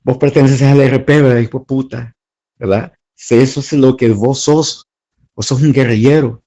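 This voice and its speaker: A man's voice: mid-range voice, wildly swooping pitch, moderate pace, darkish tone, husky, voice pushed up. A man voicing a brutal soldier interrogator, barking menacing questions in a Salvadoran accent. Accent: Salvadoran Spanish.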